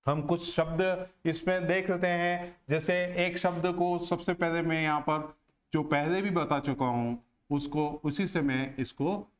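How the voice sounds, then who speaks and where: Slow, high-voiced male English teacher. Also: fairly even intonation. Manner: slow and deliberate, asking and answering his own questions. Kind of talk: classroom lesson on word stress.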